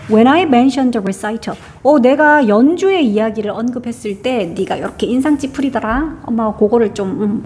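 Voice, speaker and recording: A woman's voice: on the high side, a little mellow. A woman from Korea teaching an English exam passage, asking questions and answering them herself. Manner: explains grammar, asks and answers own questions. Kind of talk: lecture on exam reading passage.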